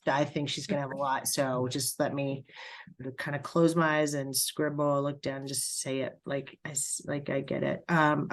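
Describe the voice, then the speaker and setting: Middle-aged female medium, low voice, halting and emotional, lots of pauses. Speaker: spiritual medium. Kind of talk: spiritual reading session.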